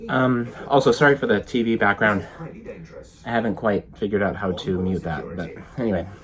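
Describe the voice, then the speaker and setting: A man's voice: on the low side, moderate pace, a bit bright. Slightly winded man vlogging in a cabin. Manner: rambling, with many ums and laughs. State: a little out of breath. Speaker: travel vlogger. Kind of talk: casual vlog to camera. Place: cruise ship cabin with a TV on.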